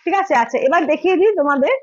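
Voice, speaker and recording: A hoarse woman with a cold, selling sarees on a live stream in a brisk, repetitive sales pitch. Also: expressive, muffled recording. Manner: brisk, repeats prices, keeps asking "okay?".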